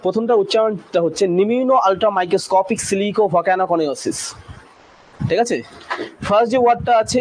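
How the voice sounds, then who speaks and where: A man teaching a classroom English lesson, drilling long words slowly syllable by syllable and checking in with the students often. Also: sits high, darkish tone, slightly rough. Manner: drills pronunciation slowly syllable by syllable, often asks "ঠিক আছে?".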